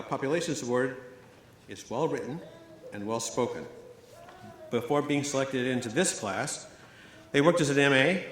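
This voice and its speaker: An older man giving a measured, storytelling award speech at a graduation ceremony, partly read aloud. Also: mid-range voice. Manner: measured, storytelling delivery with fillers. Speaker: award presenter. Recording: echoey hall, faint ambience.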